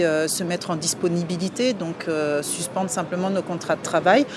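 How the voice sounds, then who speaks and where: Woman, 40s, from France, interview guest; halting and full of fillers, lower voice, traffic audible behind. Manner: hesitant, many filler sounds and restarts. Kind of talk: casual interview answers. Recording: clear outdoor street noise behind.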